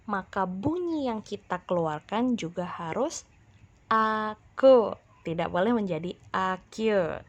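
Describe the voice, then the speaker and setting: A woman teacher giving a recorded lesson to children, explaining patiently and speaking straight to the class. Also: mid-range voice. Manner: slow, patient explaining, addresses the class directly.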